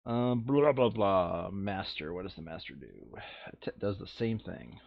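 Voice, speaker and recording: A man with a low, gravelly, animated voice chats casually at a normal speed during a recorded board game session, muttering the rules aloud and joking. The recording has no echo and the highs are cut off.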